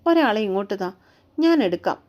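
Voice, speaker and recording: A woman's voice: medium pitch, very animated, normal speed, a little mellow, close to an everyday voice. A woman voicing an anxious older servant woman in a storybook reading, muttering and fussing. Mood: worried. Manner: worried muttering.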